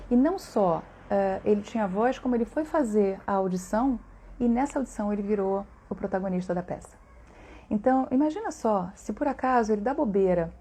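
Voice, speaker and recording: A woman's voice: mid-range voice, warm tone, husky. A middle-aged woman with a Brazilian accent, a voice therapist chatting on a live stream and answering viewers, talkative and full of tag questions. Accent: Brazilian Portuguese.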